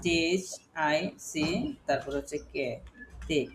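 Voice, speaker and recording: A man's voice: fairly high pitch, steady tone, unhurried, a crowd in the background. A man with a Bangladeshi accent teaching a phonics lesson to a class, spelling words letter by letter and asking his students questions. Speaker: English teacher.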